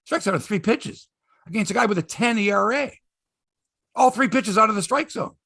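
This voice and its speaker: A man's voice: high-pitched, animated, normal speed, vocal fry, pushed and bright. A man hosting a sports talk show, ranting emphatically with exasperated repeats, rhetorical questions and salty language. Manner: salty, profane. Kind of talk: opinionated sports talk rant.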